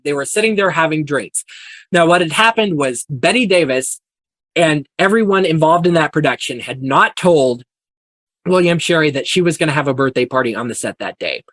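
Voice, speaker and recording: Chatty male podcast host, fairly high voice. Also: a bit bright, no echo. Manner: chatty retelling of old Hollywood stories. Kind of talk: casual storytelling podcast.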